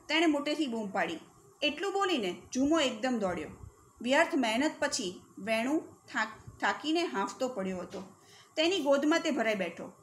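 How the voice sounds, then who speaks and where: High-voiced woman teacher reading a story. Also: slight background noise. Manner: expressive reading, acting out characters' shouts. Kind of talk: reading a story aloud for students.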